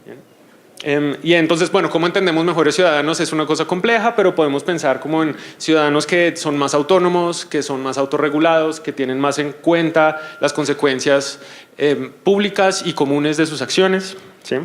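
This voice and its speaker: Man moderating a panel, somewhat high. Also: normal speed. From Colombia. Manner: hesitant, many fillers, asks the audience questions. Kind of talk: panel talk to an audience.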